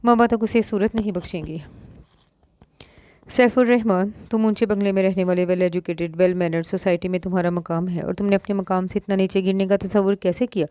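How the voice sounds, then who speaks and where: A woman with a Pakistani Urdu accent reading a romance novel aloud, voicing every part in the same even voice. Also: mid-range voice, normal speed, clear, resonant tone, no echo. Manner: reads all parts in one even voice, lifting slightly for quoted lines. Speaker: novel narrator.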